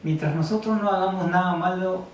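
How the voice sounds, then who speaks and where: A man's voice: high voice, a little fast, slight background noise. Man preaching in a very echoey hall. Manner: reads Bible verses aloud, asks the congregation questions. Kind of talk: sermon. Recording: very echoey room, mic at a distance.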